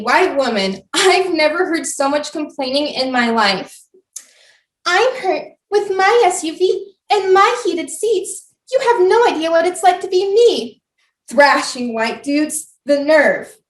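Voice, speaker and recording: A woman voicing a chatty young woman video blogger ranting breezily and sarcastically to her viewers. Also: high voice. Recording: roomy, distant mic.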